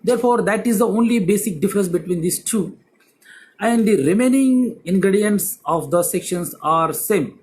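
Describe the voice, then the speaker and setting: A man's voice: high-pitched, lively intonation, normal speed, a little mellow, rough recording. A man, an advocate, giving a law lecture with emphatic repetition of key words. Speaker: advocate teaching civil procedure.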